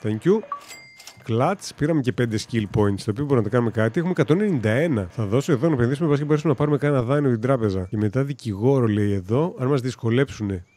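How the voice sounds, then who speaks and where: A man's voice: mid-range voice, few pauses, dark tone, slight background noise. A man giving casual let's-play commentary in a joking, sarcastic way with mild swearing. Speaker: gaming commentator.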